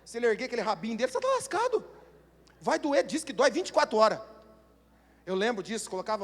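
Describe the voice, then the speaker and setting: A Brazilian man preaching a sermon as pastor, telling animated stories and building up to shouts. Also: very high-pitched, slightly rough. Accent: Brazilian Portuguese. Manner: animated storytelling, acts out voices, builds to shouting. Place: church hall. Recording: long church hall reverb.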